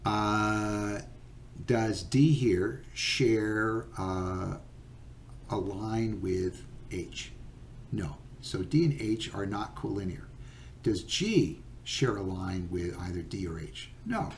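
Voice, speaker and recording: A man teaching a recorded geometry lesson, patient and unhurried, with many fillers and okays. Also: on the low side, gravelly, slight background noise.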